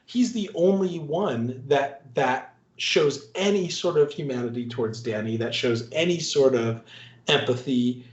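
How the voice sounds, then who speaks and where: A man's voice: mid-range voice, unhurried. A man hosting a podcast in casual movie talk, rambling and restarting, often laughing. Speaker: podcast host. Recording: roomy, dull recording.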